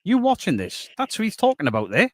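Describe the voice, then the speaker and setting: A man's voice: high-pitched, huge pitch swings, quick pace, a bit bright, no echo, clean studio sound. A man, a paranormal video creator, ranting angrily and swearing at someone. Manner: angry, profane ranting. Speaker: paranormal YouTuber.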